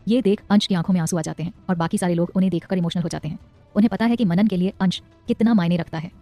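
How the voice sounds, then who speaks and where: A woman narrating a dramatic story in a brisk scripted style. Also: lowish voice, mellow, no room sound, faint music behind.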